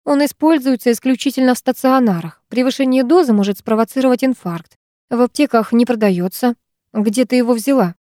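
A woman narrator voicing a practical sister-in-law who speaks quickly and reassuringly. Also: on the high side, dark tone, no room sound, studio quality, pitched above the performer's own voice, lightly acted. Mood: stern. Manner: quick, reassuring, matter-of-fact. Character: brisk, practical sister-in-law, soothing but firm.

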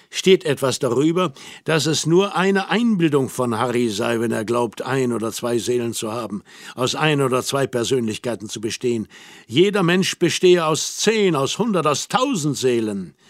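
A man narrating a literary audiobook in a measured, reflective way. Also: mid-range voice, animated, no echo, studio quality.

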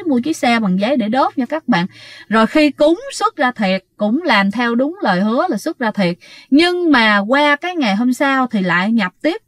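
A woman's voice: a little high, no room sound, studio quality. A woman with a Southern Vietnamese accent telling a ghost story in a chatty way, often addressing her listeners. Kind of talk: casual ghost-story narration.

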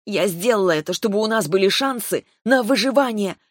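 A woman's voice: mid-range voice, animated, a little fast, dry recording, clean studio sound, pitched above the performer's own voice, lightly acted. A woman voicing a stubborn young heroine who answers back sharply in an audiobook. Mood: defiant. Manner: defiant, sharp-tongued.

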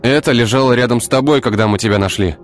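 A man voicing a brash young man who talks in a brisk, teasing way. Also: medium pitch, soft background music, pitched above the performer's own voice, natural voice. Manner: brisk, teasing, sometimes syrupy.

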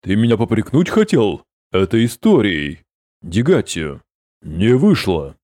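A man voicing a calm, cold male sorcerer who speaks in a cutting, sarcastic way. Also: on the low side, a little slow, no echo, clean studio sound.

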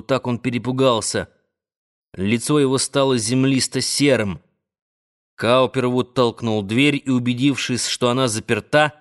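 Slow, dramatic male audiobook narrator. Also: medium pitch. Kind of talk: scripted literary narration.

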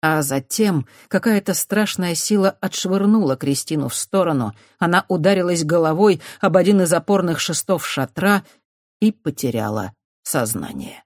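A steady audiobook narrator with a mid-range voice, telling a fantasy story at an even pace. The recording is dry and close, with no room echo. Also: mid-range voice, moderate pace. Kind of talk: scripted narration.

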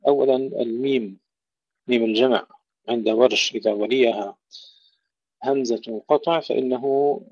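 Male recitation teacher, mid-pitched and mellow, alternates slow chanted verses with brisk correction, dull dry recording. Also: fairly even intonation, no echo. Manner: slow melodic recitation, then brisk explanation of pronunciation errors. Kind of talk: recitation and tajweed lesson.

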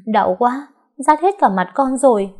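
A woman voicing a spoiled, hot-tempered young woman who yells and whines in a shrill voice in an audio story. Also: normal speed, natural voice. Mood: whining. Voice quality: shrill, shouting. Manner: yelling and whining.

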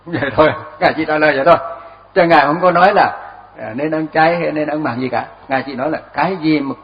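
Older male monk, slightly high voice, easygoing dharma talk with chuckles, dull lo-fi recording. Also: fast talker. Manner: relaxed storytelling with chuckles and repeated words. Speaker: Buddhist monk teacher.

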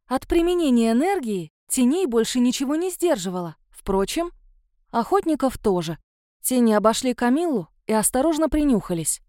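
A woman reading a first-person fantasy audiobook in a lively, expressive way. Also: on the high side, no room sound, clean studio sound. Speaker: audiobook narrator.

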